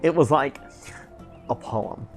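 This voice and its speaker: A man voicing a nerdy, awkward young male townsperson in a slow, halting nerdy voice for a game playthrough. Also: medium pitch, darkish tone, faint music behind. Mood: deadpan.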